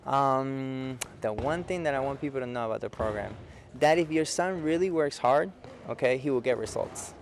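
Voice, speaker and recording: A man in his forties from Peru who coaches youth futsal answers questions for a local cable TV interview at an indoor futsal facility. His mid-range voice holds a moderate pace against background noise as he explains simply, checking in with "okay?".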